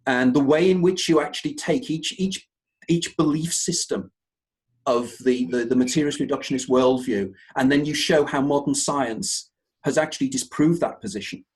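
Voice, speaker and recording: An enthusiastic male interview host with a mid-pitched voice. He often repeats words while he hunts for the next phrase. His questions are eager and curious. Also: a little mellow.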